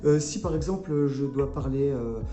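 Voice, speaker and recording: A man's voice: mid-range voice, normal speed, warm tone, echoey room, soft background music. A man coaching in a casual, playful, joking way, rambling with many fillers. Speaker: wellness coach.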